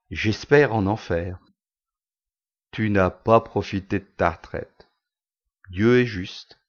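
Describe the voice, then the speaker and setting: A man voicing a spiteful man mocking a grave. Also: on the low side. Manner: sarcastic, spiteful. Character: bitter vengeful man at an old boss's grave. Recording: dull lo-fi recording.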